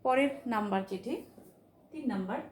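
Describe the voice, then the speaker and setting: A woman teacher giving a pronunciation lesson, patiently repeating each example word slowly. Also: medium pitch. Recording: echoey room with faint ambient noise.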